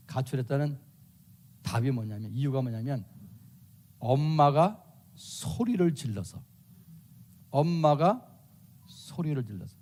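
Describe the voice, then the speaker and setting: An older man delivers a sermon in a slightly high voice, hammering points home by repeating them. He acts out family quarrels and swings from sudden loud outbursts to soft, hushed tones. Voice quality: shouts out loud in acted quotes. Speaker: preacher.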